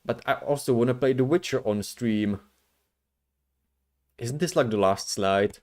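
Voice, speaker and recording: A man chatting casually as the host of a livestream, rambling in a slangy, halting way. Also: mid-range voice, a little mellow. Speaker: streamer, VTuber host.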